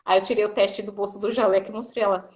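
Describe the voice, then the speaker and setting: A woman's voice: mid-range voice, racing. A woman, a doula, telling a personal story as an interview guest and acting out the dialogue she quotes. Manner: lively narration that often acts out quoted dialogue, frequent "né".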